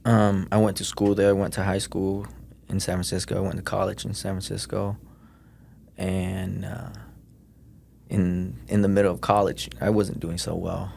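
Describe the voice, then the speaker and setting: A man in his thirties from Vietnam, a podcast guest telling his story in a measured way, often pausing with ums. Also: low-pitched, level tone, creaky, a little mellow, slight background noise. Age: 30s. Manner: measured, hesitant with many ums. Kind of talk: casual interview.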